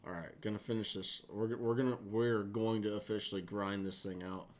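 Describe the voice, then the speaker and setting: A man hosting a casual livestream, rambling and excitable, thanking viewers as he talks. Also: lowish voice, fairly quick. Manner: rambling and excitable, with laughs and restarts. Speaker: livestream host.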